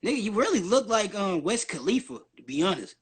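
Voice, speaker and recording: A man's voice: high-pitched, big pitch swings, fairly quick, breathy edge. A man in his early twenties rambling nonstop on a casual livestream, slangy and full of swearing. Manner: profane, slangy. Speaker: guest on a social media live stream.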